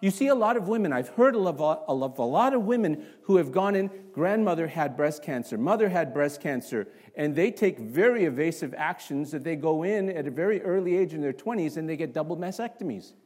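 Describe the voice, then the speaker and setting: A male pastor from Canada preaching to his congregation in a church. His voice sits a little high for a man. He talks in an animated way and keeps throwing rhetorical questions at the room. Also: fairly quick, hardly any pauses. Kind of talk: sermon.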